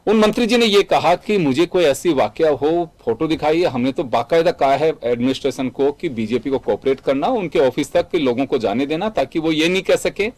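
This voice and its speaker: A man anchors a televised news debate with a somewhat raised pitch. He poses probing questions and cuts in on the guests to steer the discussion. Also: animated, a little fast, hardly any pauses, darkish tone. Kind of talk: moderating a TV debate.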